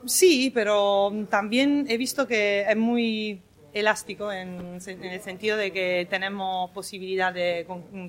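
A woman from Italy with an Italian accent, a tennis league player answering interview questions in a cheerful, chatty way. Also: mid-range voice. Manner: cheerful, chatty, laughs often.

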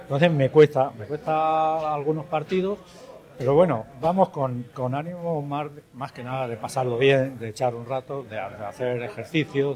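A man's voice: medium pitch, a little mellow. Earnest man in his seventies. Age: 70s. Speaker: amateur tennis player. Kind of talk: interview answer.

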